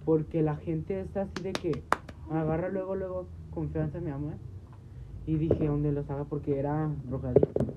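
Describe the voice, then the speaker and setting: A woman's voice: low-pitched, little pitch movement, moderate pace. Rambling woman on a noisy phone stream. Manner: repetitive, restarts phrases, quotes herself often. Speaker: livestream host. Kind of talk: casual rambling storytelling to viewers. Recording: noisy tinny phone audio.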